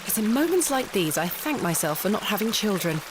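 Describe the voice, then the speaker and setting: A woman's voice: medium pitch, very animated, fairly quick, music in the background, natural voice, low-quality recording. A woman voicing a wry, independent, curious lady antiquarian in a video game, articulate and self-possessed. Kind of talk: video game protagonist monologue.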